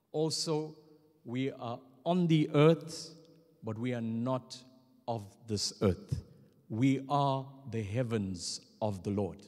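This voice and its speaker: Male, middle-aged memorial MC; formal, measured eulogy at a slow pace, long hall reverb. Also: medium pitch, darkish tone. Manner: measured, solemn, pausing between short phrases. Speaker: master of ceremonies at a memorial service. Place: church stage at a lectern, indoors. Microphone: microphone on a stand at the lectern.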